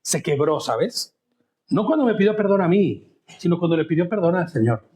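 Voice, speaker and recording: A man's voice: high voice, expressive, normal speed, darkish tone. A man teaching a conversational Bible study, often turning to his listeners with questions. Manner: chatty, asks listeners questions.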